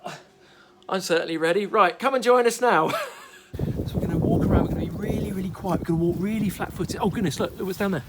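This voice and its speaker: A man hosting a wildlife vlog, presenting live in a garden at night with eager, chatty enthusiasm that often sinks to a hushed near-whisper. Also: sits high, fairly even intonation, fast, heavy background noise. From United Kingdom. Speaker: wildlife vlogger host.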